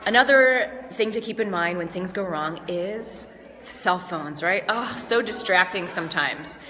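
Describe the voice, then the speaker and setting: A woman's voice: fairly low pitch, a little slow, bright, forceful tone, long reverb tail, a little hiss or hum. A woman speaking coach, stuffy and congested from allergies, giving upbeat, chatty presentation tips to viewers. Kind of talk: casual tips vlog. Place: large stage venue.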